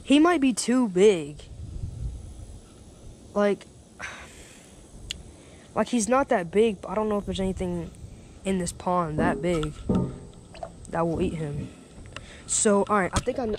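A young man with a high voice narrates his fishing vlog beside a small pond, speaking at a measured pace with long pauses. He's chatty and relaxed, tossing out "dude" and "bro" a lot. It's recorded outdoors on a head-mounted action camera, so wind and ambient noise come through.

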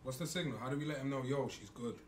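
A man's voice: medium pitch, fast talker. A man joking and calling out from the side of a rowdy comedy stream. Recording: distant mic, noisy room.

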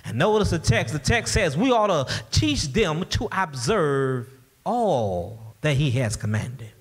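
Man, pastor, sermon, high voice, passionate delivery, church. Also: sing-song, slow pace, husky. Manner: impassioned, repeats words as he builds. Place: church sanctuary.

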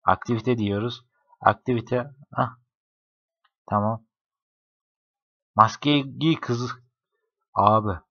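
A man's voice: medium pitch, takes it slowly, pauses often, bright, forceful tone, no echo. A young man giving casual, joking gameplay commentary, talking to the characters and laughing often. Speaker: gaming YouTuber. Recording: dry, dull lo-fi home mic.

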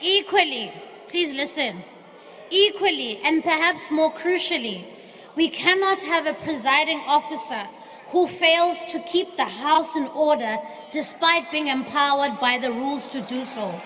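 A South African woman in her thirties gives a forceful debate speech from a podium microphone, her voice sitting high. The big chamber lends a long hall reverb, and a faint murmur of the room sits under her. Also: lively intonation, a little slow, a little hiss or hum. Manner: forceful oratory, switching into isiXhosa. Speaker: opposition chief whip. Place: large parliamentary chamber, indoors.

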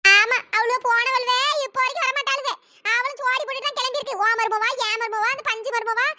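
A woman voicing a gossiping old neighbour woman in a cartoon, with teasing, nosy chatter and a pitch-raised voice. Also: bright, forceful tone, heavily acted. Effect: pitch-raised voice editing. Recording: noisy cartoon voice track.

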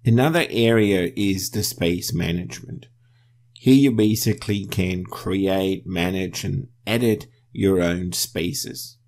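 A low-voiced man explains a piece of software step by step, narrating his screencast in a calm, measured manner.

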